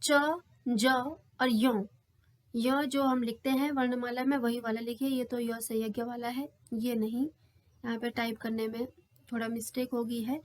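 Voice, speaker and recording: A woman's voice: on the high side, level tone, normal speed, darkish tone. A woman teaching a grammar lesson for exam preparation, explaining patiently and sounding out letters one by one. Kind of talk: exam-prep lecture.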